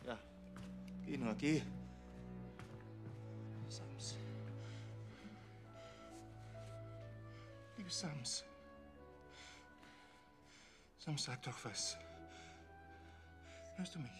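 A middle-aged actor playing a mild, anxious father figure in a film comedy, fretful and excitable. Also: high-pitched, fairly quick, loud music behind the voice. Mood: angry. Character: anxious, mild-mannered bachelor, adoptive father of a magical creature.

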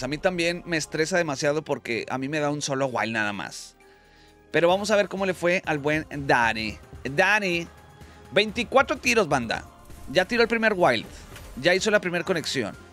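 A man with a Mexican accent giving excitable, slangy commentary on slot machine spins as the channel host. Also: on the high side. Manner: excitable, slangy, exclaims at wins. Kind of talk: casual gambling commentary.

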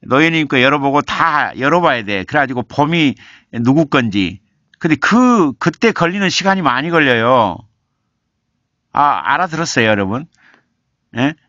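Bright-voiced older man chatting on stream. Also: mid-range voice, expressive, moderate pace, no echo. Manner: chatty, reads viewer comments aloud and teases them playfully; explains patiently, repeating himself. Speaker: literature professor and live-stream host. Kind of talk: casual live-stream chat. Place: home streaming room. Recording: dull lo-fi live-stream audio.

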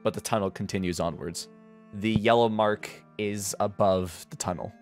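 Low-voiced man running a tabletop game. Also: fairly even intonation, darkish tone, soft background music. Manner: halting, with many ums and uhs. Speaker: game master. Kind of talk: narrating a tabletop game over voice chat.

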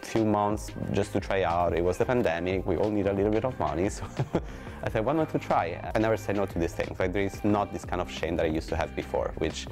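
A young Italian man speaks English in a very low voice, pausing often as he talks candidly. He sits for a studio interview with a lapel mic. Music plays softly beneath him. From Italy. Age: 20s. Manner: hesitant, candid, speaks in short pauses. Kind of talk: to-camera interview. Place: studio with blue backdrop. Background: background music.

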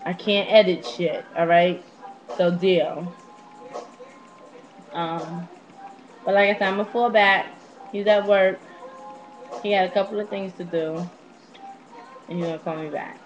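Unhurried and pausing often, a woman in her twenties with a low-leaning, steady voice tells personal stories to her webcam in a candid, slangy way, swearing freely. Soft music plays behind her in a small room at home. The vlog is captured on a netbook's built-in webcam mic, sounding dull and lo-fi.

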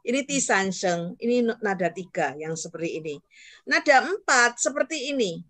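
A woman's voice: mid-range voice, expressive, moderate pace, fairly bright tone, no echo. A woman teaching Hakka in an online class, patiently modeling tone syllables for learners to repeat and checking in with them often. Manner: keeps checking understanding with "ya".

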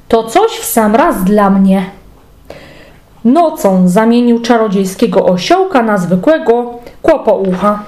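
A woman's voice: medium pitch, a little mellow. A woman reading a fairy tale aloud as a storyteller. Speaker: storybook reader.

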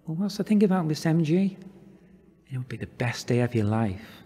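A man's voice: on the high side, big pitch swings, moderate pace, mellow, husky, big-room sound. A man acting a cocky, flirtatious role in a scripted drama scene. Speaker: actor in a scene.

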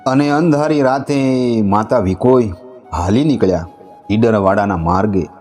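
Slow folk storyteller man. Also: fairly low pitch, darkish tone, soft background music. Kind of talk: folk tale narration.

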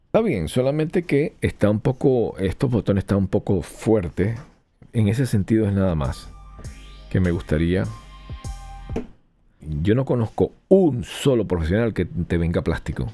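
A man's voice: fairly low pitch, lively intonation, measured pace, dark tone, faint music behind. A man hosting a podcast, giving a casual, rambling hands-on review of a mixer and testing it aloud. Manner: rambling, chatty, tests gear aloud.

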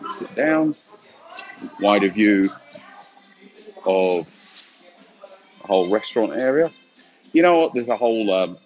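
A middle-aged man giving a casual, wry, offhand tour to camera. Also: low voice. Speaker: vlogger giving a restaurant tour. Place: quiet restaurant interior with large windows. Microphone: phone at arm's length. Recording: dull, lo-fi phone audio.

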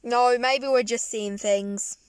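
A woman's voice: fairly even intonation, slow, clear, resonant tone, no room sound. A woman playing with plush toys in a moving car at night, talking playfully and giggling, recorded on a handheld phone. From England. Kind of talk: playful toy role-play vlog. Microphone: handheld phone camera. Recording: loud car road noise. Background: car engine and road rumble.

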